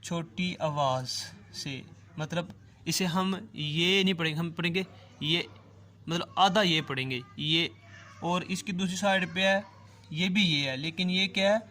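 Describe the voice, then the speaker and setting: A man's voice: high-pitched, bright, forceful tone. A man teaching a language class, patiently drawing out and repeating each sound and checking that the listener follows. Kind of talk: online language lesson.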